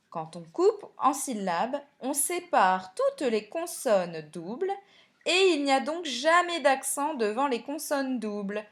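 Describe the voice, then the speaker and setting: A woman teacher records a spelling lesson for young pupils. Her voice sits a little high and her pace is unhurried, with every word laid out clearly. She speaks straight to the children as she explains. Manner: slow, clear classroom explanation, addressing pupils directly. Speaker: primary school teacher.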